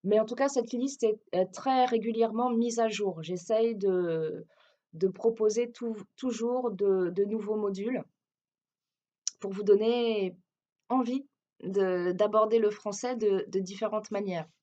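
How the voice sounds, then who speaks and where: French woman, French accent, teacher introducing herself, hesitant restarts, mellow tone, dull lo-fi sound. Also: mid-range voice, steady tone, a little slow. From France. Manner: hesitant and explanatory, with frequent restarts. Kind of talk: self-introduction video.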